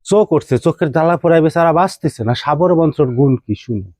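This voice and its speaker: A tantric teacher gives a devotional talk teaching mantras, chanting verses in a rising singsong and repeatedly addressing listeners with rhetorical questions. His voice is on the high side and quick, with a warm tone, in clean studio sound with no room echo.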